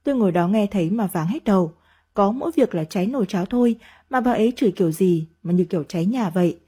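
Mellow-voiced woman narrating a gossipy story. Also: medium pitch, expressive, fast, breathy edge. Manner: chatty, gossipy asides. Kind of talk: first-person story narration.

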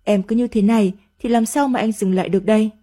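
A woman's voice: mid-range voice, fairly even intonation, fast, dark tone, lightly acted. A woman voicing a tired, irritable married man who wants to end an affair, in a read-aloud story. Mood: weary. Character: married man, weary, evasive lover.

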